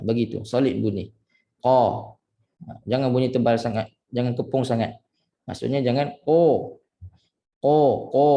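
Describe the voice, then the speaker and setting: Man, Malaysian Malay accent, tajwid teacher, mellow dark voice, slow repeated demonstrations. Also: mid-range voice. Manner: corrects and demonstrates sounds slowly, repeating syllables. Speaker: Quran recitation teacher. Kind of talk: tajwid pronunciation lesson.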